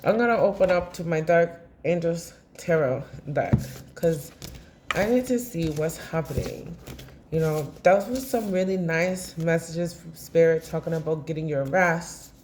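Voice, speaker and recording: A woman's voice: low-pitched, a little slow, background noise. A woman giving a tarot reading to camera in a blunt, impassioned and rambling way, swearing freely as she talks. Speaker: tarot reader. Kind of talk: casual tarot reading monologue.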